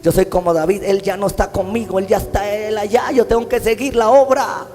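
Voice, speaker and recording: High-voiced Mexican pastor preaching in a hall. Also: male voice, fairly even intonation, darkish tone. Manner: impassioned preaching, swelling into sung, drawn-out phrases. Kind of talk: sermon. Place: church hall. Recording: long church-hall reverb with faint instrumental music.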